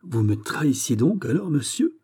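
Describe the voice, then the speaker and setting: A man's voice: medium pitch, lively intonation, brisk, dark tone, slightly rough. A man reading an audiobook, voicing a proud young king who questions sharply and haughtily. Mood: indignant.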